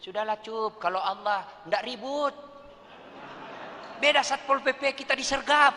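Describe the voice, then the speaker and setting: Brief: male preacher putting on a high, wheedling temptress, seductive and scheming, echoey hall. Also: measured pace, pushed and bright, full character voice. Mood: coaxing. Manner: coaxing, wheedling calls. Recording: echoey hall, faint noise.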